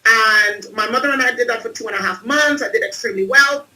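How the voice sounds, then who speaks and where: A woman's voice: fairly high pitch, quick pace, bright, forceful tone, recorded from a distance, poor audio. A woman from Trinidad and Tobago, telling her life story emphatically as an interview guest on a video call. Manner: emphatic, repeats phrases for effect. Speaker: guest, entrepreneur and speaker.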